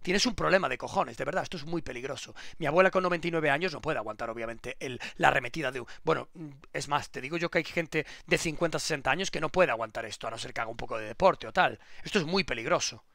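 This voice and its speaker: Excitable streamer guy, high gravelly voice, cusses a lot, dry close sound. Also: fast talker, few pauses, dry recording. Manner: swearing, excitable, repeats himself. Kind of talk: casual live-stream commentary.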